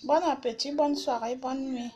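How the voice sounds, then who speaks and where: A woman with a high, husky voice rants in a casual live stream. She talks bluntly and repeats her points over and over. It sounds like it's picked up by a phone mic. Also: fairly even intonation, normal speed, a little mellow. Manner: blunt, repetitive, insulting.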